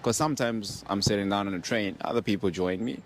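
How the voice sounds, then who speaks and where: A man from Africa answering interview questions in a calm, measured way with some restarts. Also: fairly low pitch, a little hiss or hum. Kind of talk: casual interview.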